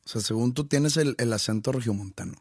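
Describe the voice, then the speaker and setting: A man in a loose podcast chat who prods and challenges his co-host and throws around crude slang. His voice sits at a middle pitch, and the sound is dry and up close. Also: brisk, a little mellow, dry recording. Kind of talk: casual chat.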